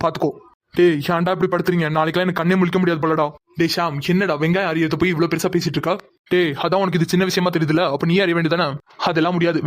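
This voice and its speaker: A man's voice: on the high side, natural voice. A man voicing a group of young men who banter and complain while cooking in a cartoon. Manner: joking, whiny complaints.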